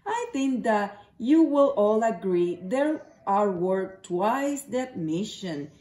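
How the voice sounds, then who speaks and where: A woman's voice: mid-range voice, sing-song, takes it slowly, warm tone. A woman reading a picture book as a showy, welcoming girl circus ringmaster announcing her show. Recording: roomy home echo.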